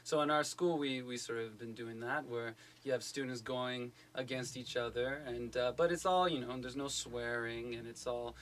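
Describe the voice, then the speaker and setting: A man's voice: medium pitch, fairly even intonation, moderate pace, few pauses, fairly bright tone. A man who teaches, explaining things in an eager, rambling way with many fillers during a radio interview.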